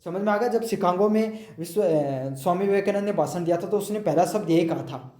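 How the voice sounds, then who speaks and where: A man's voice: high-pitched, brisk, dark tone, reverberant. A male teacher going through exam questions, explaining each answer and checking with the students.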